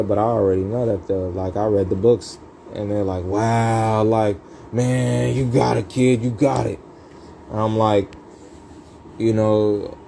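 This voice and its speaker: A man's voice: fairly low pitch, dark tone, slight background noise, low-quality recording. A man telling his life story in a rambling, profane livestream, heavy with street slang and fillers.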